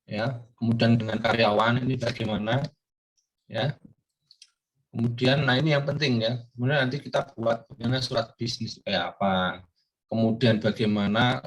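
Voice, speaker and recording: Older male lecturer, rambling delivery. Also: medium pitch. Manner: rambling, many fillers and questions to students. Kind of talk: recorded course lecture.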